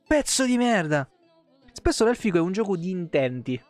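A game streamer with a high, sing-song, darkish voice gives irreverent, sweary live commentary at a moderate pace. He reads lore aloud and throws in casual asides while game music plays in the background.

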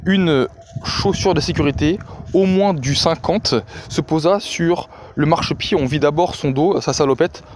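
A man reads a thriller aloud in a slightly high voice. His delivery is dramatic, with the odd hesitation and a restarted phrase here and there. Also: measured pace, a little hiss or hum. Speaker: reader. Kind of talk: reading novel excerpts aloud.

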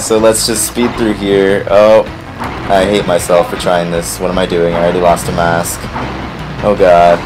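A man hosting a let's play who rambles casually, gets excitable and swears when things go wrong, and whose voice is strained from recently losing it. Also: low-pitched, normal speed, over music. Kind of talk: casual gameplay commentary.

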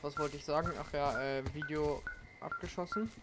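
A man's voice: fairly high pitch, normal speed, loud music behind the voice. A man doing casual, rambling let's play commentary with a hesitant delivery. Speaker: let's player. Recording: loud game noise behind the voice.

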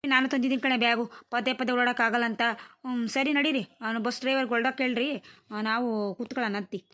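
A woman's voice: a little high, fairly even intonation, fast talker, fairly bright tone, close to an everyday voice. A woman voicing a fussy elder village woman in a comedy cartoon, scolding and giving instructions. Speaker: cartoon character.

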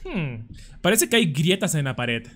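A man's voice: fairly high pitch, sing-song, measured pace, a bit bright, slight background noise. A young man commenting casually and jokingly as he plays a horror game, breaking into panicked screams at scares. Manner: chatty, jokey, screams in panic. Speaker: gameplay commentator.

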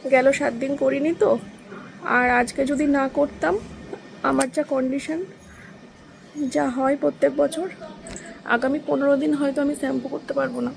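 A woman with a sore throat, talking quietly in a casual vlog, strained and tired. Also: high-pitched, fairly even intonation, moderate pace, creaky, pauses often, slight background noise. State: sore throat, struggling to speak. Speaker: vlogger, wife in the family vlog.

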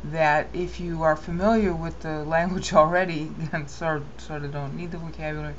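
A dark, low female voice guides viewers through a screen-captured software tutorial, digressing with opinions and pausing to self-correct. She keeps a steady tone at normal speed. The recording sounds muffled and lo-fi, with a soft hiss in the background.

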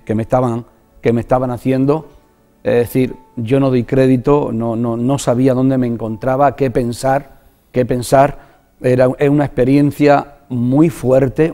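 Earnest Spanish pastor with a mellow voice. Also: male voice, mid-range voice. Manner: earnest, halting, repeats words when moved. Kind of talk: personal testimony in a religious TV interview.

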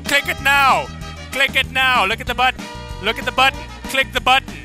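A man playing a pushy, hyperactive male infomercial pitchman with a thick American accent, shouting his sales pitch. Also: fairly even intonation, moderate pace. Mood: frantic. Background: music.

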